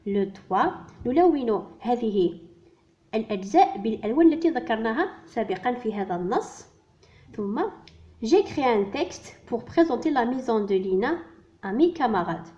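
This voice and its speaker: A woman teaching a primary school French workbook lesson, switching between French and Arabic and saying each French word slowly and carefully. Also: a little high, expressive, dark tone. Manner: slow, careful enunciation of French words. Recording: dull lo-fi recording.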